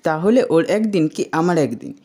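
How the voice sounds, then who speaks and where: A stern, determined housewife who speaks firmly and with threats, as a woman reads her lines in a retold TV serial. The voice sits low and mellow. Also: expressive, moderate pace, breathy edge, exaggerated voice.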